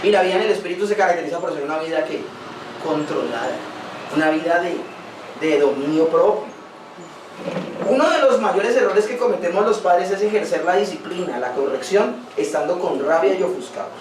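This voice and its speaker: A man's voice: high-pitched, animated, a little fast, noisy background. A male pastor preaching a sermon earnestly, now and then acting out quoted dialogue. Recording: roomy distant sound, recorded without a microphone.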